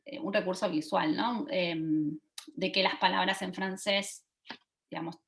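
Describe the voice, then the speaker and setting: A woman, giving an online teaching talk over a video call and often pausing to check that listeners are following. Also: lowish voice, fairly even intonation, gravelly, fairly bright tone. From Argentina. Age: 40s. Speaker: lecturer.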